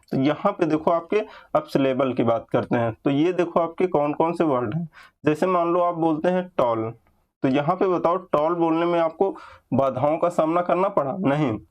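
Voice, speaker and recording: Man teaching grammar, slightly high voice. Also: darkish tone, highs cut off. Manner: explains patiently, repeats points, slows down to spell out example words. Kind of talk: exam-prep grammar lesson.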